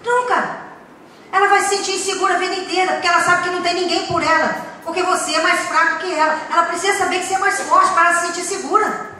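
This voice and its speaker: A woman's voice: very high-pitched, fairly even intonation, fast talker, pushed and bright. A woman giving a talk to parents, speaking emphatically with rhetorical questions and humorous anecdotes. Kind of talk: lecture to parents. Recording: echoey hall, distant mic, faint noise.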